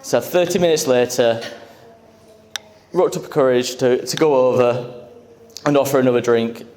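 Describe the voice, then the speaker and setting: A man's voice: mid-range voice, moderate pace, darkish tone, long reverb tail. A young man giving his groom's speech at a wedding reception into a handheld microphone, nervous and emotional, often laughing through his words.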